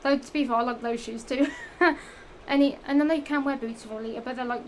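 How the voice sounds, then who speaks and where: In this noisy home clip, a young woman from England with a Norfolk accent shows off shoes for her vlog, speaking quickly in a high voice with fairly even intonation. Her chat is giggly and rambling, looping back on itself with lots of fillers and false starts, and the heat leaves her sounding slightly strained.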